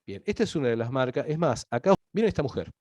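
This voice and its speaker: A man teaching a recorded Bible lesson, explaining step by step and often checking with a quick question whether listeners follow. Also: medium pitch, lively intonation, darkish tone, no echo.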